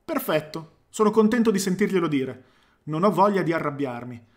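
A man's voice: a little high, expressive, moderate pace, close to an everyday voice. A man voicing a domineering, sarcastic husband who bullies his neighbor. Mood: menacing. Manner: sarcastic, bullying.

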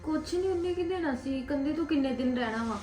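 A woman's voice: sits high, quick pace, warm tone, close to an everyday voice. Woman playing a soothing grown daughter. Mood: calm. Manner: soothing, reassuring. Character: grown daughter comforting her old mother. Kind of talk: family drama acting. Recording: echoey room, music behind.

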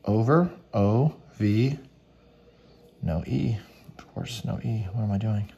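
Low-voiced man muttering casually, slightly gravelly. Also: slow, warm tone, muffled recording. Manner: muttering to himself, spelling out letters in short fragments. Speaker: host of a scratch ticket video. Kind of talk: casual running commentary on a task.

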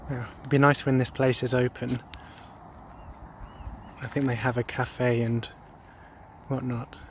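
Outdoors at a rural charging station, a man films a casual vlog walkthrough of the spot and his van on a handheld phone, speaking at a measured pace in a medium-pitched voice. His talk meanders with many ums and false starts, over slight background noise.

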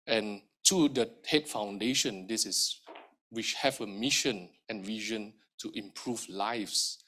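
A man with a hoarse, recovering voice giving formal opening remarks at an event, measured with frequent ums. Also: fairly low pitch, sharp tone. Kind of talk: formal speech at a public event.

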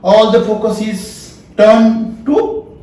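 A trainer in his forties with an Indian accent lectures a class in a high-pitched, slow, warm voice, emphatic and full of questions and repeated key phrases. He's in a small wood-panelled training room, recorded by a camera a few feet away, so the sound is very echoey and distant.

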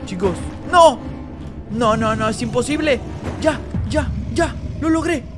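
A man with a strikingly high voice plays through a horror game and talks straight to his viewers. He reads the game's lines aloud in translation, and he yelps and repeats words whenever he gets scared. Soft music runs underneath him. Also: slow pace. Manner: addresses viewers as "chicos". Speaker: gaming YouTuber. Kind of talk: Let's Play commentary translating game dialogue.

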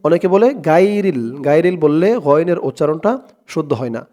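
A man with a Bangladeshi Bengali accent teaching Quran recitation, spelling out letters and vowel marks and then chanting the words slowly. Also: on the high side, dark tone.

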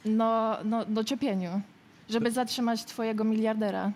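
A woman's voice: fairly high pitch, fairly even intonation, normal speed, darkish tone, a little hiss or hum. A young woman guesting on a talk show, boasting playfully like a self-assured diva. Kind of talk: celebrity interview banter. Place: TV studio.

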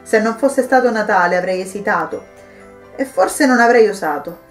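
A woman reading the lines of a kind, devout wife and mother who gently persuades a troubled guest to stay. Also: mid-range voice, expressive, normal speed, soft background music, natural voice. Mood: gently persuasive. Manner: warm, patient pleading.

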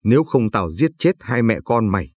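A cruel, wealthy husband full of contempt who sneers, insults and threatens, voiced by a man in a low, husky tone. The reading sounds dry and close. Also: sing-song, moderate pace, a little mellow, no echo. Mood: threatening.

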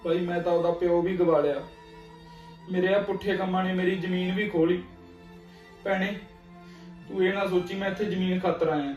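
A man's voice: high voice, flat delivery, darkish tone, reverberant, dull audio, faint music behind, close to an everyday voice. An actor playing a young man who pleads with his sister for forgiveness after losing his land. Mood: pleading. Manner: pleading, repentant, with many pauses. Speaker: brother.

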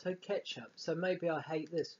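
A man's voice: on the high side, a little fast, darkish tone. A middle-aged man chatting casually as he reviews snacks, in a hesitant, musing manner. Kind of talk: casual tasting chat. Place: living room, indoors. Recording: dull lo-fi webcam sound with noise.

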